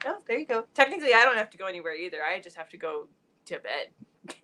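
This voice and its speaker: A woman's voice: mid-range voice, sing-song, fast talker, crowd noise. A young woman co-hosting a live podcast, giggling and swearing in casual chat. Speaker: podcast co-host.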